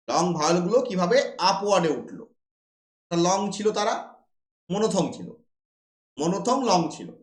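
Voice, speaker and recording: A man with a high-pitched voice gives a classroom lecture. He poses rhetorical questions and answers them himself. The sound rings around a roomy, echoey space. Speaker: teacher. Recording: roomy echo.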